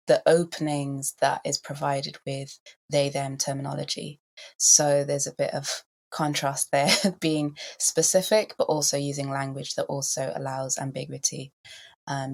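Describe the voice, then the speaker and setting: A Welsh woman from Wales, a podcast guest answering in a thoughtful, measured way with frequent ums. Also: sits low, creaky. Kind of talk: reflective interview answers.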